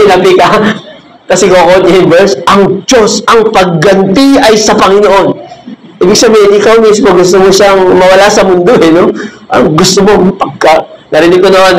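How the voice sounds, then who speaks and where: A man leading a cell group lesson, preaching in a mix of Tagalog and English and slowing down to stress key phrases. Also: high voice. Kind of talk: sermon. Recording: echoey room with faint ambient noise.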